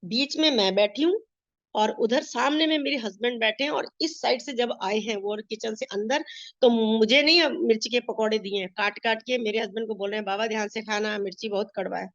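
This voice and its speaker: A woman's voice: on the high side, brisk, fairly bright tone, dry recording. A middle-aged woman from India, a meditation master, sharing a personal testimony and acting out the dialogue in her story. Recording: dull lo-fi sound.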